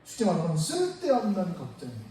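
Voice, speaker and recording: A man preaching a Sunday sermon as pastor, lively and conversational, throwing rhetorical questions at the congregation. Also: sits high, fast talker. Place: church sanctuary. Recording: echoey church sound from far off, faint noise.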